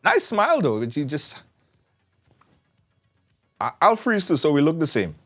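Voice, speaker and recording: Animated male call-in show host. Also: a little high, measured pace. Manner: animated, urging callers to phone in.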